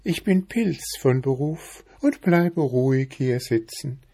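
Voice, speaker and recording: A man voicing a tiny, calm male chanterelle mushroom in a storybook reading, with a squeaky little voice and a friendly, unbothered manner. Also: slow, breathy edge, exaggerated voice.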